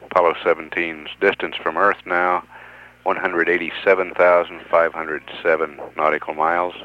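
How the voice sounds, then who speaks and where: Man, mission control radio announcer: very deep, monotone, radio-filtered, dull 1970s lo-fi. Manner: measured, even delivery with occasional "uh" pauses. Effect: radio transmission sound over a mission control loop. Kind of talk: formal mission status announcement.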